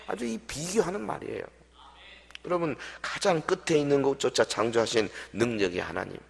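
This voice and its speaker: A man's voice: medium pitch, expressive, moderate pace, creaky, breathy edge. A man preaching a sermon as pastor, with dramatic swells and acted quotes. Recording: long hall reverb.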